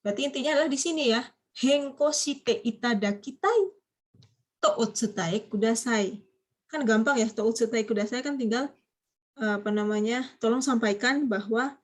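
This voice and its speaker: Woman teaching business Japanese. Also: fairly high pitch. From Indonesia. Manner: explains patiently, quizzes students, mixes Japanese phrases into explanations. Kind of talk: online class lecture.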